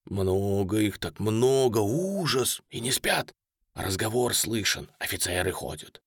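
A man's voice: fairly low pitch, expressive, a little slow, breathy edge, dry recording, clean studio sound, full character voice. A man voicing plain-spoken cossack scouts. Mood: hushed report.

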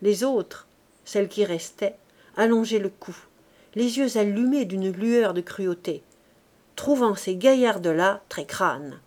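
A woman with a French accent reading a classic novel aloud as narration, raising her voice for the characters' shouts. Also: animated, slow pace. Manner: acts out the characters' shouts with raised pitch and volume. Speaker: audiobook reader.

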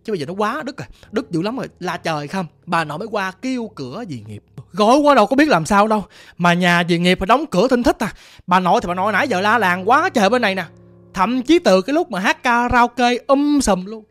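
A storyteller with a Southern Vietnamese accent retelling a ghost story, vivid and animated, acting out sounds. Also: medium pitch, fast talker. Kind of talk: retold ghost story narration.

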